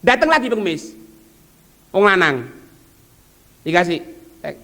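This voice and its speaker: A man's voice: sits high, measured pace. East javanese guy giving a sermon, voice all over the place, lots of questions he answers himself. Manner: lively, asks rhetorical questions and answers them; switches between formal and local speech. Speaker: preacher. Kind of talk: religious lecture mixing stories and teaching. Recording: long hall reverb.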